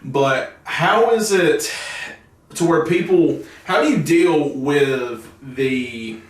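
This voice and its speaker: A man's voice: a little high, expressive, slow pace. A young man hosting a casual podcast chat, rambling and stumbling over his words. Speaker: podcast host. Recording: roomy echo, mic at a distance.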